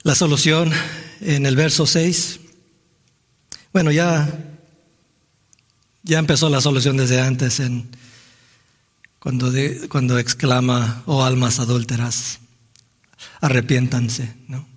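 A man's voice: mid-range voice, little pitch movement, takes it slowly, pauses often. A man preaching a sermon in a church, earnest and reflective, often restarting phrases and asking "¿no?". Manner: earnest, with frequent restarts and rhetorical "¿no?". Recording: long hall reverb.

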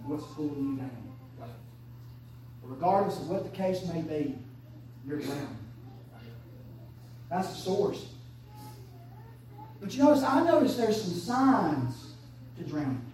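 A woman, preaching an impassioned sermon that swings between hushed and shouted. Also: sits low, sing-song, takes it slowly, pauses often, slight background noise. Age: 30s. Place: church sanctuary. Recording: echoey church from far off.

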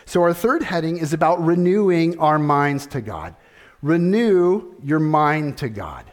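A middle-aged man preaching a sermon, measured and deliberate, repeating key phrases and asking rhetorical questions. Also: fairly high pitch, sing-song. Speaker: pastor.

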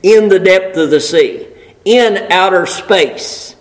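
A man's voice: sits high, slow, rough recording. A man preaching a sermon in a folksy, emphatic way, building rhetorical lists and repeating phrases for weight.

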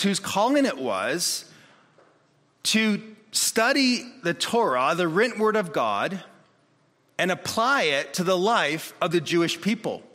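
A man preaching a sermon in an animated way, acting out the voices of the people in his story. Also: high voice. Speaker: pastor. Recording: long reverb of a hall.

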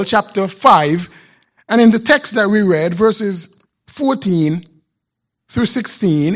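Male pastor, higher register, unhurried reflective sermon delivery. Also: fairly bright tone. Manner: measured, reflective storytelling with deliberate pauses. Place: church sanctuary.

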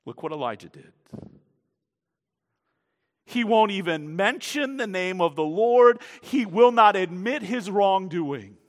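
A man preaching a sermon as pastor, dramatic and emphatic, swinging from hushed asides to loud declarations. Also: high voice, animated, takes it slowly. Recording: long reverb from a large room.

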